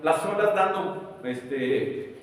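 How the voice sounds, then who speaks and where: Emphatic pastor preaching in an echoing hall. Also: male voice, high voice, expressive, extremely slow, distant mic, slight background noise. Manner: emphatic preaching with rhetorical questions. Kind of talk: sermon. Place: church sanctuary. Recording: echoey church hall, voice from afar.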